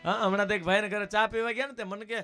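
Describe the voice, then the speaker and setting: Folk comic, male, high and bright, brisk anecdotal jokes. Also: steady tone, faint music behind. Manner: brisk anecdotal joke-telling. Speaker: folk comedian. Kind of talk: live folk comedy storytelling.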